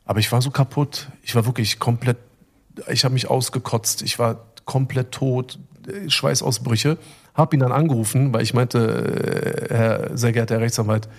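Middle-aged guy rambling through a story, lots of ums, average pitch, gets emotional. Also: steady tone, moderate pace. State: recovering from illness. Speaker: podcast co-host. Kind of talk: casual chat.

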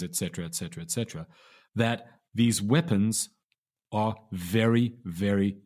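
A male filmmaker answers interview questions in an emphatic way, stacking repeated words for stress. His voice is on the low side. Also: a little mellow, breathy edge. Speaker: documentary filmmaker guest.

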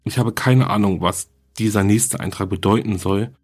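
A man hosting a horror story podcast, reading in a calm, plain way and speaking to his listeners. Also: lowish voice, normal speed, breathy edge.

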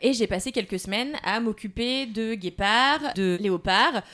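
Woman podcast guest, animated casual storyteller, slangy and talkative. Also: fairly high pitch, normal speed. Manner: chatty, animated, many fillers and slang.

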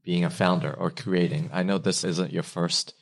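A man's voice: deep voice, steady tone, normal speed, vocal fry. A man hosting a podcast, asking friendly, curious questions. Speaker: podcast host. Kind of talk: podcast interview.

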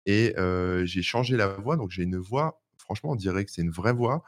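A man's voice: sits low, moderate pace. A man co-hosting a tech podcast in casual chat, talking in a hesitant way with many fillers and restarts. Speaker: podcast co-host.

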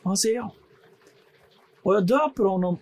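A man, a podcast guest, telling his personal life story in an earnest, animated way, with frequent fillers. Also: high-pitched.

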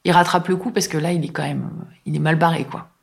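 A middle-aged woman with a deep, steady, gravelly voice talks fast while recounting a personal anecdote. She's casual and chatty, packing in fillers and acting out bits of dialogue.

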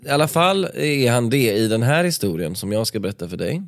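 A man's voice: medium pitch, animated, vocal fry, no room sound, soft background music. A man co-hosting a podcast in a studio, chatting and reading a book passage aloud with dramatic pacing. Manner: storytelling, reads with dramatic pacing. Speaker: podcast co-host. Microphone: studio microphone.

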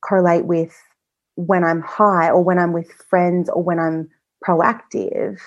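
Woman podcast guest, lowish voice, casual and chatty, lots of fillers; slightly muffled lo-fi audio. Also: level tone, slow. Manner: chatty, many fillers and self-quotes. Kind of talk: casual personal interview.

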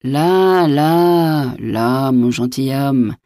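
An unflappable innkeeper answers with cool, mocking insolence, voiced by a woman reading an audiobook. His tone is low and mellow, recorded close and dry. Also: measured pace, dry recording. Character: impertinent, phlegmatic male innkeeper, mocking.

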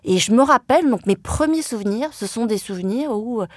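A journalist and writer from France whose first language is Vietnamese speaks in a reflective interview, thoughtful and hesitant, with many fillers and restarts. Her voice is on the high side, animated and brisk, recorded with a dry, clean studio sound.

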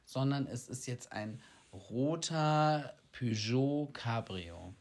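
Man with a mid-pitched voice, chatting casually. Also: lively intonation, slow pace, a little mellow. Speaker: podcast co-host. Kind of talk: casual chat.

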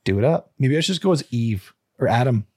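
Gravelly, husky male podcast host. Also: medium pitch, expressive, quick pace, darkish tone, no echo, clean studio sound. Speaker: true crime podcast co-host. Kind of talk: casual chat with scripted intro narration.

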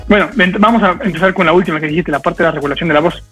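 A man coaching an audience on public speaking, talking fast and energetically with lots of rhetorical questions. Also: fairly high pitch, a bit bright, slightly rough, soft background music, poor audio.

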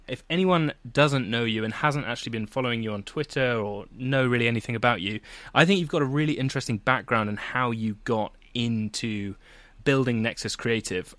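A man's voice: mid-range voice, fairly bright tone, no echo. A man hosting a podcast, introducing his guest with upbeat enthusiasm. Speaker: podcast host. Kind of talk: podcast interview.

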